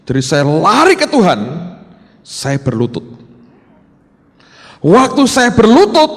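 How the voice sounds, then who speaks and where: Lively, gravelly preacher in a big hall. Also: male voice, mid-range voice. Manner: storytelling, swings from shouts to hushed whispers, slips into Javanese. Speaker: pastor. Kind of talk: sermon.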